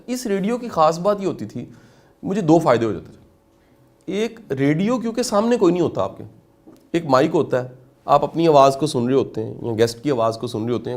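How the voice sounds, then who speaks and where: A middle-aged man from Pakistan, giving an animated motivational lecture and asking his audience questions. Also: medium pitch.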